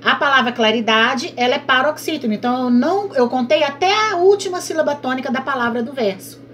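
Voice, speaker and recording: A woman's voice: high voice, fast, a bit bright. A woman teaching a recorded online class, patiently explaining and asking and answering her own questions.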